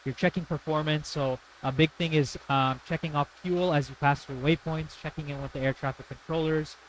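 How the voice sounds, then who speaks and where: Friendly male co-host, slightly higher voice, easygoing chat, light noise behind. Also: steady tone, fairly quick, low-quality recording. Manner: friendly, reads viewer questions aloud, chatty. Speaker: live-stream co-host. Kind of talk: casual chat.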